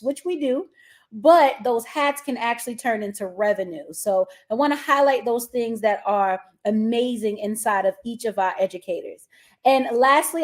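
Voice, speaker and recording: A woman hosting a live-streamed interview, upbeat and talking directly to her viewers. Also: fairly high pitch. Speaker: host.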